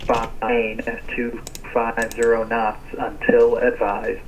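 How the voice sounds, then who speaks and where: A man's voice: medium pitch, takes it slowly. A man working as an air traffic controller, giving clipped radio instructions over glitching audio that keeps cutting out. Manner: flat, clipped, routine delivery. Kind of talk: radio phraseology. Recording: muffled radio transmission with faint hiss.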